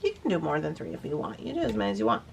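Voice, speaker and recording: Talking very fast in a deep, sing-song voice with vocal fry, a woman hosts a casual beading tutorial over slight background noise. She's chatty and relaxed as she explains each step, and a bit sniffly.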